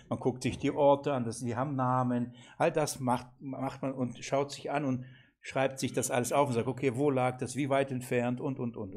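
A man teaching a Bible seminar, asking the group questions and acting out the quoted lines. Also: mid-range voice. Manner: lively, questioning the audience, acts out quoted lines.

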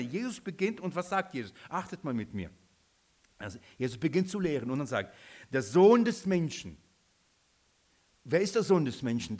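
Man, preacher, sermon, emphatic, rhetorical questions, slightly high voice. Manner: emphatic, repeats points and asks the listeners questions.

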